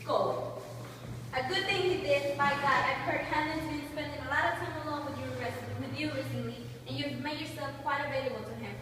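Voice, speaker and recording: A woman playing bossy, excitable men in an amateur Shakespeare play, declaiming and stumbling a little over the lines. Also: high voice, brisk, lightly acted. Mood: stern. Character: bossy, scolding father, and an excited vengeful prince. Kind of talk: amateur student Shakespeare performance in modern English. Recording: distant echoey hall with faint noise.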